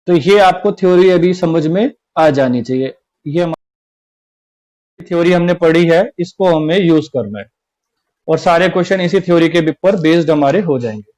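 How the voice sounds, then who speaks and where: A man's voice: high voice, a little mellow, poor audio. Man teaching maths step by step. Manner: explains step by step, repeats each point, often says "theek hai". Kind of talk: online class lecture.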